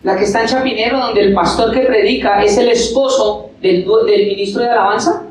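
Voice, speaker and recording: A man's voice: high-pitched, brisk, a crowd in the background. A male pastor, preaching a sermon full of rhetorical questions and acted-out quotes. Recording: echoey hall, from far off.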